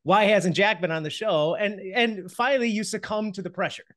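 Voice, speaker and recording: A man's voice: high voice, normal speed, fairly bright tone, dry recording, studio quality. A middle-aged man hosting a podcast interview over a video call from his home office, upbeat and chatty, with plenty of fillers and restarts. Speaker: podcast host. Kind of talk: casual interview. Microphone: headset on a video call.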